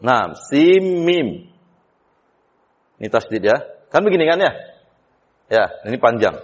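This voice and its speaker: A man's voice: medium pitch, very animated, slow. Male teacher explaining recitation rules, lo-fi. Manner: explains step by step, quizzing students with questions; breaks into chanted recitation of examples. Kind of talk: classroom tajwid lesson. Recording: dull lo-fi class recording.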